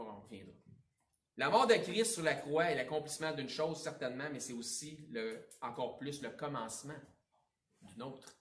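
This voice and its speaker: A man with a Quebec French accent preaching a Sunday sermon, swinging between emphatic outbursts and hushed asides. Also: mid-range voice, roomy sound, distant mic. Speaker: pastor. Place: church sanctuary.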